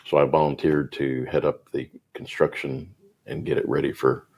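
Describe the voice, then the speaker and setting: A man's voice: a bass voice, normal speed. A middle-aged man, a guest entrepreneur, telling his business story in casual conversation and voicing the people in it. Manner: animated, voices the people in his stories.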